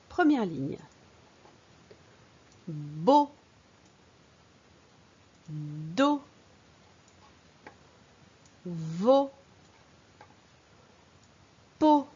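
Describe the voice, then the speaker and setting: A woman's voice: high-pitched, slightly rough. A woman, teaching early reading to young children and patiently sounding out syllables. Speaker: primary school teacher. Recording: dull lo-fi recording.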